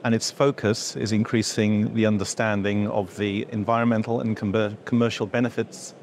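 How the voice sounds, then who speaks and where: A middle-aged man with a lowish, fairly level voice explains things in a seated interview, stopping often on fillers and false starts. He talks through a lapel mic in an indoor event room with a faint hum behind him. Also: flat delivery, normal speed. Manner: hesitant, many fillers and restarts, gesturing while explaining. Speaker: industry association executive. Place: indoor event room before a logo backdrop.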